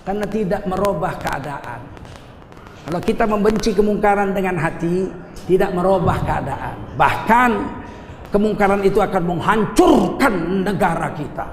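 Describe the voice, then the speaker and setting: A middle-aged man preaching a lively sermon with funny stories, animated and teasing, acting out little scenes as he goes. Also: sits high, moderate pace. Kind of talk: lively sermon with humorous anecdotes. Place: large hall at a gathering. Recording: echoey hall, faint ambience.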